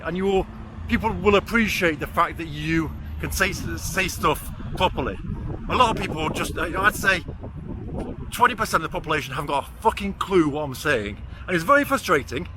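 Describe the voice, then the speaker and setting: In a rough recording full of outdoor city and traffic noise, a forty-year-old vlogger walks and talks casually, bluntly, and self-deprecatingly, swearing with ease. His voice is fairly high with a sharp tone, and he can't roll or clearly pronounce his R.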